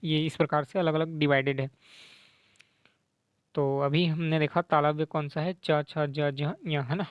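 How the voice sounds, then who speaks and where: Slow, patient grammar teacher, man. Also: on the high side, fairly even intonation, smooth, no echo, highs cut off. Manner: slow, repetitive, checks in with "है ना?"; mixes English words into Hindi explanation. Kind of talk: explaining quiz answers to students.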